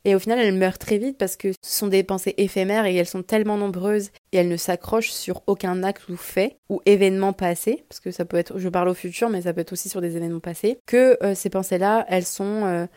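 A woman's voice: mid-range voice, fairly even intonation, fast, few pauses, warm tone, no echo. Reflective woman podcaster, dry close sound. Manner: rambling, reflective, many restarts and fillers. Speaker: podcast host. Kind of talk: solo podcast monologue.

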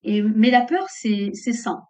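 A middle-aged businesswoman talks reflectively and earnestly as a guest in a casual interview, her voice a little high with lively intonation. She speaks unhurriedly and warmly, though the lo-fi recording sounds muffled.

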